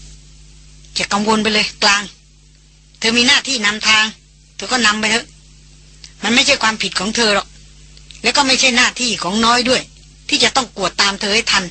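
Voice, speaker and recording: A woman reading an audiobook voices a calm older brother who speaks evenly and soothingly. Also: a little high, moderate pace, pauses often, husky, full character voice. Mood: reassuring.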